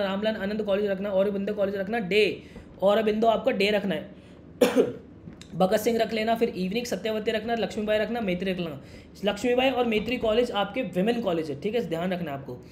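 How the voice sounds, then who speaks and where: A young man explains things quickly and casually, calling the listener "brother". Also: sits high, darkish tone, slight background noise. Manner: fast, brotherly, addresses viewer as "mere bhai". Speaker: education YouTuber. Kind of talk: casual explainer talking to camera.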